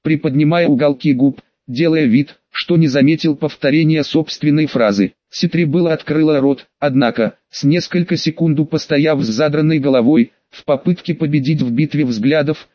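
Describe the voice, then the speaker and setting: A man narrating a first-person audiobook in an even, wry storytelling manner. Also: a little high, normal speed, hardly any pauses, no echo. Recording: dull, lo-fi and dry.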